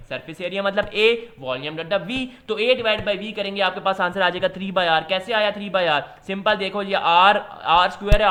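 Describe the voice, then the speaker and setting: High, bright-voiced Pakistani tutor. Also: male voice. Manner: switches to slow, deliberate pace when reading English questions; loose, chatty teaching with fillers. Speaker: test prep tutor. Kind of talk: explaining exam questions.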